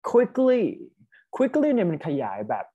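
A man's voice: very high-pitched, big pitch swings, slow, mellow, husky. A man with a Thai accent teaching a test-prep English lesson online, mixing English words into his Thai explanations and urging students to type their answers.

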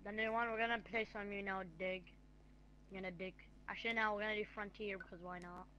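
A man chatting casually while playing a video game, excitable and often tripping over his own words. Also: high voice, fast talker, muffled recording, a little hiss or hum. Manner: excitable, stumbling restarts. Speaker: gaming friend. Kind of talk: casual gameplay chat.

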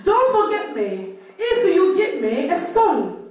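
Woman, church reader and interpreter, lively voice, quick echoing delivery, distant mic. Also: very high voice. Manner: quick, echoing each line straight after the preacher. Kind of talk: reading scripture, then interpreting a sermon line by line. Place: church hall. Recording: echoey church hall from far off.

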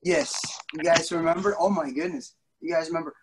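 With a voice on the high side and a steady tone, a middle-aged man entertains a young kids' class by video call. He tells interactive stories playfully, exaggerating surprise and drawing words out. He's in an indoor studio, captured by a nearby device mic, with background noise and clicks in the call audio.

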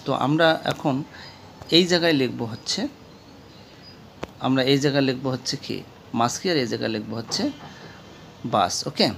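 Gravelly-voiced male tutor, patient and repetitive. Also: medium pitch, fairly bright tone, slight background noise. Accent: Bangladeshi. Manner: asks questions and answers them himself, repeats key words slowly. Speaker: English teacher. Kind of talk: classroom lesson explaining a textbook.

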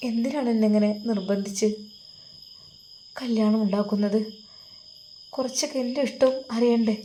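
A woman voicing a worried young woman who talks quietly and hesitantly, close to tears. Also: fairly high pitch, fairly even intonation, moderate pace, slight background noise, natural voice. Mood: anxious.

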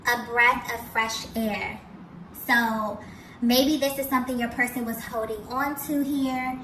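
A tarot reader gives an intuitive reading straight to the listener in a fairly high, slightly bright voice. Earnest, she breaks up her phrases with small check-ins. The mic sounds distant in an echoey room, with clear background noise.

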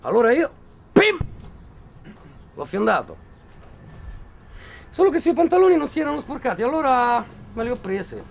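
An actor playing a volatile, menacing militiaman who taunts and mocks, then bursts into shouting. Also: very high-pitched, sing-song, moderate pace, vocal fry, pauses often, a little hiss or hum, full character voice. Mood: boastful. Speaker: soldier threatening a journalist. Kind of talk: film acting.

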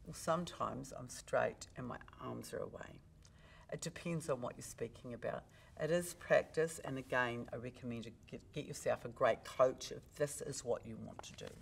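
A speaking coach from New Zealand explains technique during a podcast interview, acting out her examples and swinging her pitch widely to demonstrate it. She talks at a moderate pace in a creaky voice, and there is slight background noise.

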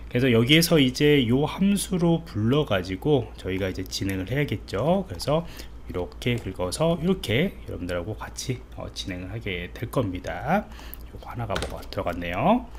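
Thinking aloud while he types, a man working as an IT instructor explains code casually, one step at a time, in a screen-recorded tutorial. He speaks at a medium pitch as an indoor voice-over, with noticeable background noise in the recording.

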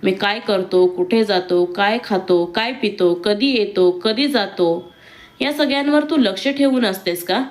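A woman's voice: mid-range voice, unhurried, close to an everyday voice. A woman reading as a curt, irritable young man. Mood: irritated.

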